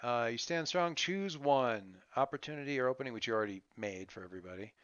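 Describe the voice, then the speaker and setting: A man with a bright, clean voice improvises as a tabletop game master. He talks casually and haltingly, working things out aloud, on a dry but slightly dull recording. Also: mid-range voice, lively intonation, clean tone, no echo.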